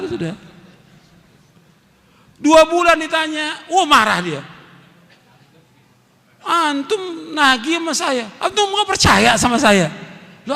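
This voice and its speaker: A man's voice: high-pitched, pushed and bright, long reverb tail. A male preacher giving a sermon, emphatic, repeating key phrases and reciting Arabic. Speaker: Islamic preacher.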